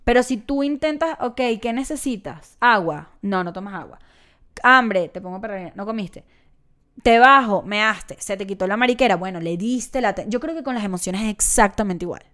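Chatty Venezuelan woman, smooth voice. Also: mid-range voice, lively intonation, normal speed, fairly bright tone. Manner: chatty, self-mocking, acts out little voices. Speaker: podcast host and comedian. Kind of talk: casual solo podcast monologue.

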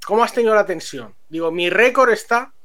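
High-voiced man telling a story. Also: brisk. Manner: animated, laughs often while telling a story. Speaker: streamer. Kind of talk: casual storytelling to friends.

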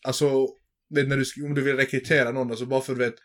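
An average-pitched man in a relaxed, casual conversation. He talks animatedly, laughs often and thinks out loud with plenty of fillers. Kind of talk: casual chat.

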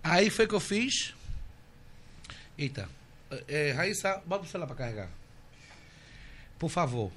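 Male guest, 40s, high voice with big swings, theatrical storyteller. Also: unhurried, long pauses, slight background noise. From Brazil. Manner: animated, flamboyant storyteller who acts out dialogue. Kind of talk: casual storytelling interview. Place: indoor room with cameras.

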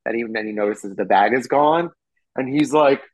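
A man's voice: fairly low pitch, a little fast, low-quality recording. A man co-hosting a podcast, chatting casually and acting out scenes with lots of laughter. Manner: animated, acts out quotes, laughs often. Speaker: podcast co-host. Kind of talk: casual chat, recapping a TV episode.

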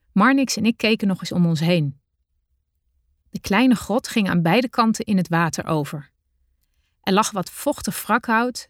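A woman narrating her own adventure story in the first person, with a measured, deliberate reading style. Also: mid-range voice, no room sound, clean studio sound.

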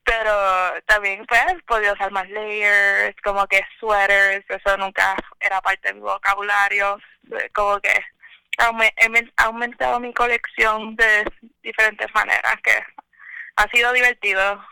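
A woman's voice: mid-range voice, little pitch movement, a little slow, creaky, sharp tone, smooth, no room sound, low-quality recording. A young adult woman chatting casually as a guest over the phone, dropping English words into her Spanish. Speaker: podcast guest. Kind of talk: casual chat.

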